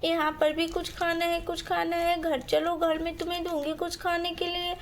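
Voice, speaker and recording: A woman's voice: extremely high pitch, little pitch movement, moderate pace. A woman voicing a scolding young village mother in a doll story, exasperated with her mischievous daughter. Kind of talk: doll story role-play.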